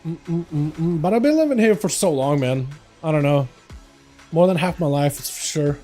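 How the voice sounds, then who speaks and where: A young streamer with a slight Russian accent chats casually while gaming, his voice on the high side, expressive and dark-toned at a normal speed, with faint music behind. He rambles, answers chat questions, laughs, and fills his talk with "like".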